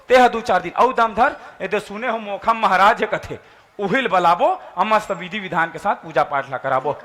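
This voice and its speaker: A man's voice: sits high, fairly bright tone. An actor with a Chhattisgarhi accent playing an exasperated village householder who parrots and scolds a priest, laughing as he goes. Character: exasperated village householder, adult man, mocking. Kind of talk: comic sketch acting.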